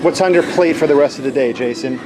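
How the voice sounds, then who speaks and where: A man's voice: on the high side, fast, music in the background. A man bantering casually in a sarcastic, needling way as a workout partner in an echoing gym. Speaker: training partner. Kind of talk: casual banter while working out. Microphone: camera filming in the gym.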